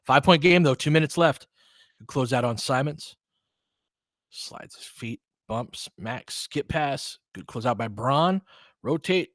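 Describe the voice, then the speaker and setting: A man with a mid-range voice, speaking a little slowly, offers live basketball play-by-play from a fan's perspective. His phrases are clipped, veering from mumbled asides to excited calls, and the sound is clean studio audio with no echo.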